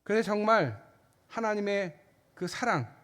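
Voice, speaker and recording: A man's voice: high-pitched, lively intonation, a little slow, a bit bright. A male pastor preaching an impassioned sermon in a church sanctuary, now and then speaking God's words as quotes. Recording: long reverb of a church hall.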